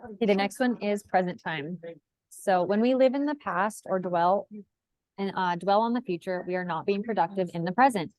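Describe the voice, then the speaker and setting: A woman's voice: medium pitch, moderate pace, darkish tone, no echo, rough recording. A woman hosting a casual online class who explains steps plainly, with some filler words. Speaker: class host.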